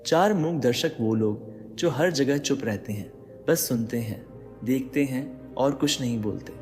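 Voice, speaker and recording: Here a man with a medium-pitched, darkish voice narrates in a dramatic, motivational way, addressing the listener directly and asking rhetorical questions. He speaks a little slowly, with long reverb and faint music in the background.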